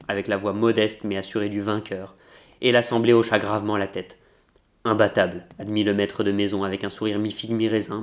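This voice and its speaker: Male reader, low register, even and unhurried, literary read-aloud. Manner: measured, steady literary reading. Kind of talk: reading a novel aloud.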